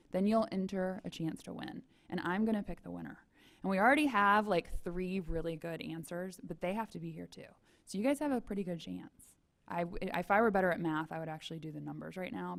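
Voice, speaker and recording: A woman's voice: fairly low pitch, creaky. A woman running a college career office, moderating a panel in a chatty, self-deprecating way.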